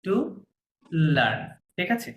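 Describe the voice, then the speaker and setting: A man's voice: extremely slow, fairly bright tone. A man teaching a language class, patiently repeating words for his students to copy. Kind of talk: classroom lesson. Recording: echoey room, faint hiss.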